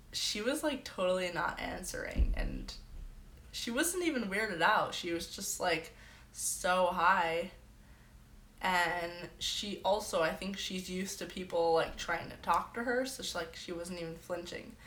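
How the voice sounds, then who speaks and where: A woman's voice: lowish voice, a bit bright, reverberant, a little hiss or hum. A woman hosting a casual livestream from her bedroom, telling stories in a chatty way full of "like". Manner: chatty storyteller, heavy "like" filler. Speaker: livestream host.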